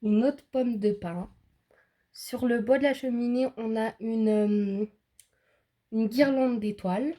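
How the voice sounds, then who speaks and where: Casting: hesitant woman co-presenter, mellow and a bit breathy, describing cards. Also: a little high, slow. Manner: hesitant, describes items with many fillers. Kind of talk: casual show-and-tell.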